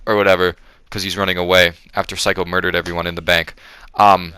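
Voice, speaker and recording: A man's voice: low voice, level tone, fast talker, sharp tone, smooth, dry recording. A man giving a casual, rambling, profane spoken review of a film, full of fillers and restarts.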